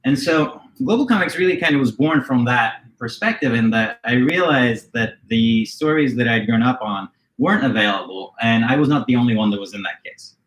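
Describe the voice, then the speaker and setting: A man's voice: medium pitch, animated, moderate pace, few pauses, a bit bright, echoey room, low-quality recording. A man from Norway, a company co-founder, talking in a casual podcast interview, thoughtful and rambling with many fillers.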